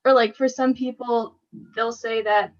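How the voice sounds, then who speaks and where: Casual podcast chat comes from a teenage girl co-host who laughs frequently and scatters "like" and "you know" throughout. She speaks at a measured pace in a fairly high voice with fairly even intonation; the lo-fi audio sounds slightly dull.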